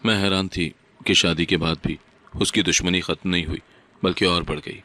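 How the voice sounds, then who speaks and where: A man reading a sad first-person moral story as scripted narration, steady and solemn. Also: sits low.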